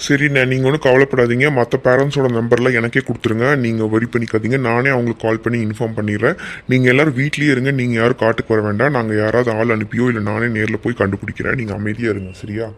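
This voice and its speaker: A man's voice: mid-range voice, flat delivery, quick pace, natural voice. A man voicing a reassuring police uncle who takes charge, in a cartoon. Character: calm helpful police uncle, young man.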